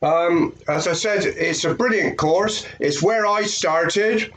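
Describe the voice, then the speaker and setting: With a high, slightly bright voice, an older man from the UK takes his time, though the recording quality is low. He's an affiliate marketer with a head cold, sounding nasal as he rambles to his webcam in a small room with lots of fillers and repeats.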